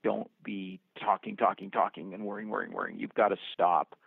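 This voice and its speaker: A man with a gravelly, fry-tinged voice talks earnestly, telling stories and reflecting at length. His voice comes through dry and tinny, like a phone line. He quotes old verses as he goes. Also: sits low, fairly even intonation, fairly quick, no echo. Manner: earnest, storytelling, quotes scripture and poems. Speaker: film producer and actor guest. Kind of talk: reflective interview answers.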